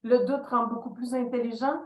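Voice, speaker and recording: This recording is muffled and echoey. A middle-aged leadership consultant with a Québécois French accent, guesting on a podcast, recounts career stories in a lively, reflective way and performs the dialogue she remembers. Her voice runs on the high side at a moderate pace.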